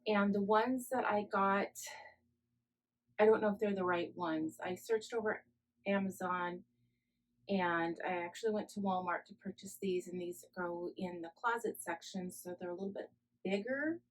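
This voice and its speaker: A woman giving a casual craft-room tour as a vlogger, rambling and thinking out loud indoors at home. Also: medium pitch, normal speed, poor audio.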